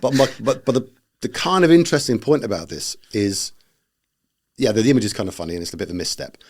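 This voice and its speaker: A man's voice: lowish voice, lively intonation, quick pace, darkish tone, a little hiss or hum. A man from Britain co-hosting a tech podcast, chatting casually and rambling through fillers and restarts. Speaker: podcast co-host. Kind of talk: casual chat.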